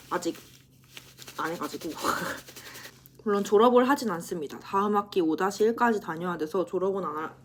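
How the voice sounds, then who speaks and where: Give me a chatty woman in her twenties talking to her camera, teasing herself and laughing as she goes. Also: medium pitch. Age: 20s. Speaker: university student vlogger. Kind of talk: casual vlog chat.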